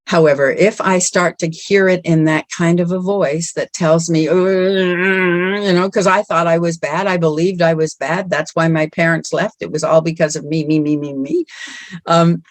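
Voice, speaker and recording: A woman's voice: lowish voice, no echo. A middle-aged woman giving an earnest, encouraging motivational talk, often repeating words for emphasis. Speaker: speaker at a women's empowerment event.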